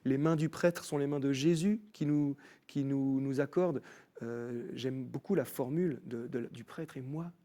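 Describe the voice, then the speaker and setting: On a television studio set, a French musician guest talks about his personal faith at normal speed in a medium-pitched voice. He acts out each quoted voice as he tells the story with animation.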